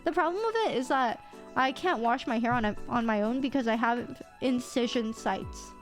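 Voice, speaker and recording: A woman's voice: fairly high pitch, moderate pace, soft background music. A young woman streaming live, chatting casually and teasing herself, with a slight lisp, a somewhat nasal voice, and a touch of sickness. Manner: chatty, self-teasing, rambling. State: a little sick. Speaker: VTuber streamer.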